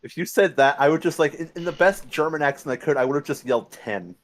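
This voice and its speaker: A man's voice: a little high, fast talker. Man joking dryly in voice chat. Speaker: community member in voice chat. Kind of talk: casual voice chat.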